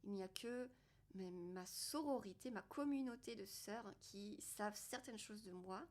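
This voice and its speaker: A woman's voice: mid-range voice, a little slow. A woman from France vlogging to camera in a candid, rambling way, thinking aloud and swearing casually. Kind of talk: casual confessional talk to camera.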